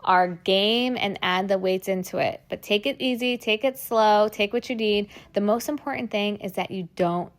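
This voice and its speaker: A woman's voice: medium pitch, moderate pace, few pauses. A young woman leading a workout class, encouraging and cueing the moves while she exercises along, strained from the effort. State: strained, working out while talking. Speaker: fitness instructor.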